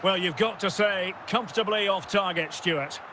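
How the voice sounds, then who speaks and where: A man calling a football match play by play in brisk bursts, naming players as the ball moves, recorded in a studio and played from a game. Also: high voice, noisy background. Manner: brisk calls of player names. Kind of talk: sports commentary.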